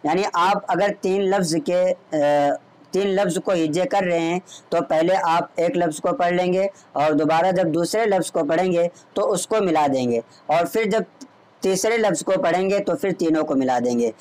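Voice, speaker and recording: A man's voice: high-pitched, normal speed, darkish tone. Patient man teaching letter sounds. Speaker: Quran reading teacher. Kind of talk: online recitation lesson.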